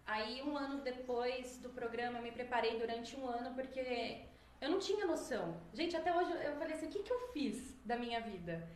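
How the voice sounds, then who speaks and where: A young woman tells stories as a podcast guest, animated and acting out the voices of others. Her voice sits high. The room is echoey, with a faint hiss behind her. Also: brisk. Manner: animated, acts out quoted voices. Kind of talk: casual storytelling chat. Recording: roomy echo, faint noise.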